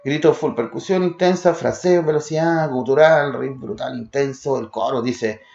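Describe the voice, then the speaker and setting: A man's voice: mid-range voice, normal speed, vocal fry, darkish tone, roomy sound, dull audio. A man from Chile reviewing old metal demos, calling out riffs and drums in short word lists. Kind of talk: spoken demo review over music.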